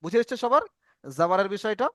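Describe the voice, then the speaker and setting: A man teaches a reading class over an online call, pausing to ask questions and then repeating the answers himself. His voice sits high, and it is recorded dry with no room sound. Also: lively intonation, no echo.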